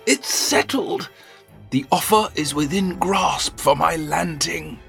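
A narrator voicing an anxious elderly male patriarch who speaks in a slow, shaky, creaky way. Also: medium pitch, sing-song, a bit bright, faint music behind, voice pushed up, full character voice. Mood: relieved. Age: older.

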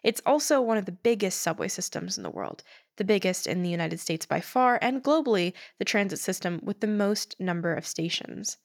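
Wry woman narrating, slight vocal fry. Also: mid-range voice, animated, a little fast. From New York. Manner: wry asides. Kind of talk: scripted explainer narration.

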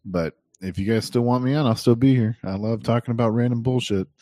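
A man's voice: mid-range voice, fairly quick, dark tone, no echo, clean studio sound. A man co-hosting a gaming podcast in casual chat, rambling and laughing often mid-sentence. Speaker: podcast co-host.

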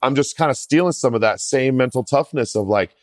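A man's voice: medium pitch, a little fast, no echo. A man in his forties from the US hosting an interview, laid-back and enthusiastic, with lots of "like" in his speech. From United States. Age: 40s. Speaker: podcast host. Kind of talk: casual interview chat.

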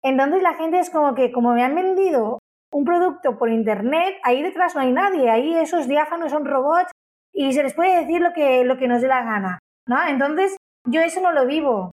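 Speaking at a moderate pace, this high-voiced woman describes her own company in an interview with expressive enthusiasm. She repeats words often along the way.

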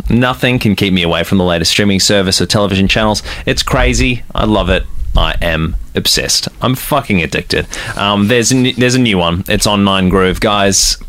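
A man's voice: on the low side, sharp tone. An Australian man hosting a radio show with chatty, informal studio banter. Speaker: radio host.

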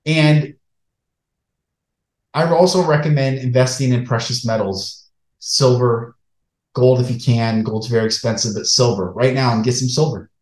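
A man's voice: medium pitch, normal speed, darkish tone. Man preaching earnestly in an echoey room. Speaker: online show host. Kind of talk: earnest monologue to viewers, preacher-like. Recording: echoey room, flawed stream audio.

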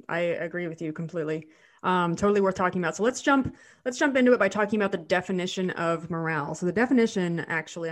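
A woman hosting a casual podcast with a nasal, congested voice from a cold, repeating words as she goes. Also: lowish voice. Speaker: podcast host.

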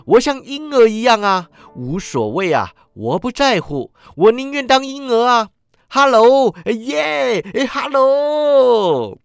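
A man's voice: very high-pitched, big pitch swings, unhurried, creaky, few pauses, smooth, no room sound, studio quality, soft background music, voice pushed up, heavily acted. A man voicing a giddy, reformed old miser who exclaims breathlessly with delight in a storybook reading.

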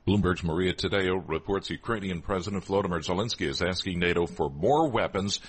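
A man's voice: low voice, fairly quick, slight background noise. A man reading scripted news as a radio anchor.

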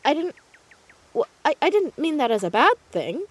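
A young woman with a high, very animated voice plays an earnest, inquisitive teenage girl sleuth in a naturalistic audio drama. Speaking at a moderate pace, she's chatty and stammers when flustered, coming across as awkward and apologetic.

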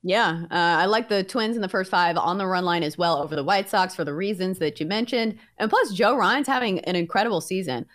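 A woman co-hosting a sports betting show, pitching her picks like a confident tipster. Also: brisk, few pauses, a bit bright.

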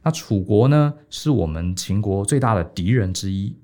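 A man's voice: lowish voice, animated, moderate pace, warm tone, lightly acted. A man voicing a scheming male court adviser in an ancient story, speaking in a wheedling, confiding tone. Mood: sly.

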